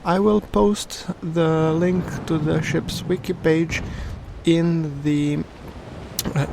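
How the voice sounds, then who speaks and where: Halting, slow-paced man with gravelly voice. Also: a little high, noisy background. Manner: halting, hesitant delivery. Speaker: video game commentator, channel host. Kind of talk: casual gameplay commentary.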